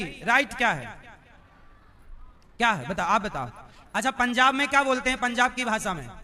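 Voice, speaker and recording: A man's voice: very high-pitched, sharp tone. A man giving a devotional discourse as preacher, quizzing and teasing his listeners with rhetorical questions and scolding answers. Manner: quizzes and teases the audience with questions.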